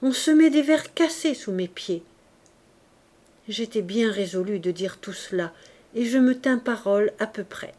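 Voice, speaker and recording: A woman reading a classic novel aloud in the first person, with tense dramatic expression that sometimes sinks to a hushed whisper. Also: mid-range voice, lively intonation, unhurried. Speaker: audiobook reader.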